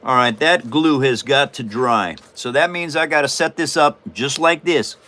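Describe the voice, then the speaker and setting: A man's voice: medium pitch, moderate pace, bright, forceful tone. A man from Washington State hosting a casual livestream while he builds a paper model, folksy and rambling with frequent chuckles. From Washington State, USA.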